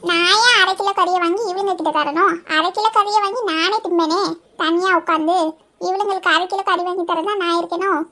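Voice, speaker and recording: A woman's voice: fairly even intonation, fairly quick, bright, forceful tone. A woman voicing chattering village women who squabble and scold while cooking in a cartoon comedy. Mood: grumbling. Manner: squeaky, bossy, scolding chatter.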